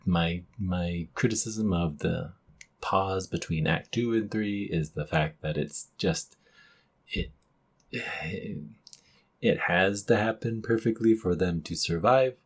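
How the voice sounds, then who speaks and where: A man with a very low, husky voice co-hosting a casual movie podcast. He talks things through thoughtfully, breaking into loud, emphatic bursts to make his points. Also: slow pace. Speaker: podcast co-host.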